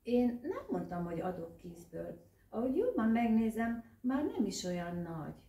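A woman's voice: fairly high pitch, sing-song, dark tone, voice pushed up. A smug hungry owl, as a woman reads him. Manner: smug, self-satisfied. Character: boastful hungry male owl. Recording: roomy echo, distant mic.

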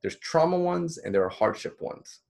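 This counselor, a man in his thirties from the Dominican Republic, gives a casual, supportive recorded lecture for his course, using many fillers. His slightly high voice swings widely in pitch at a moderate pace, sounding gravelly yet a little mellow, in a small indoor room.

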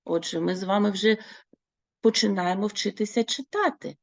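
A woman teaching a French lesson, speaking slowly and clearly and repeating words for her learners. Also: medium pitch, no echo. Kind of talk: online language lesson.

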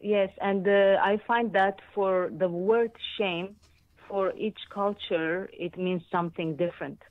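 Calling in to a radio program, a Lebanese woman in her fifties describes a personal experience, hesitant and repeatedly searching for words. Her mid-range voice is unhurried with fairly even intonation, carried without echo over a tinny, narrow phone line.

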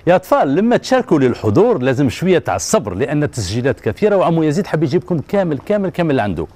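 Lively Algerian man hosting a kids' show. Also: fairly high pitch, very fast. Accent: Algerian Arabic. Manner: animated, coaxing questions to children. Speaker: children's TV host. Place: colorful TV studio set with children audience. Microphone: handheld mic.

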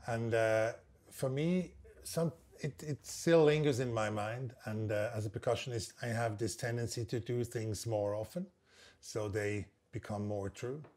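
In an interview, a Basel-born composer and percussionist in his sixties reflects on his work in short, thoughtful phrases. His medium-pitched, darkish voice stays steady at a measured pace, carrying the Swiss German accent of a native German speaker. He sits at a large wooden table in an indoor room beneath a glazed roof.

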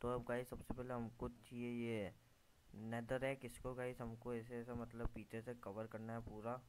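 Speaking at a normal pace in a mid-range voice, this man gives chatty commentary on his own gameplay for YouTube. He calls out to viewers often, says "guys" all the time, and mutters when he slips up, all captured in a rough screen recording with constant background noise.

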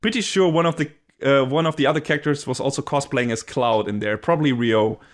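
A man in casual podcast chat, reviewing with bubbly enthusiasm. He rambles and restarts his sentences often, piling up thoughts as he goes. His voice sits at an ordinary middle pitch. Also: quick pace. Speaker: podcast co-host reviewing anime.

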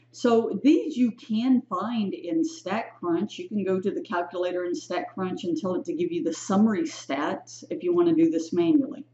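A woman's voice: on the low side, mellow. A woman teaching a statistics lesson in a chatty, self-correcting way, often checking in with "right?" and "okay?". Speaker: statistics instructor. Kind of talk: recorded lecture walkthrough. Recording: echoey, dull lo-fi room sound.

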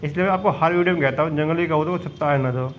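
A man's voice: a little high, rapid-fire, dull audio, slight background noise. A man vlogging from his rooftop pigeon loft, chatting to viewers as he points out his birds, filmed on a handheld phone. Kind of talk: casual filmed walkthrough.

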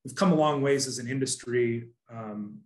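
A man's voice: mid-range voice, normal speed. A man in his thirties joins a webinar panel over a video call from his office, speaking earnestly and often restarting his sentences. His voice sits in the middle range, and the room gives it a noticeable echo. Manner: earnest, many restarts and fillers. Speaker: panelist from an asphalt producer. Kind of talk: casual webinar discussion. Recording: roomy video call audio.

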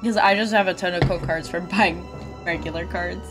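Game music plays under a woman's low, fairly level voice as she streams a game at normal speed. Still shaking off a cold, she chats casually, reacts aloud to viewers, and reads dialogue out.

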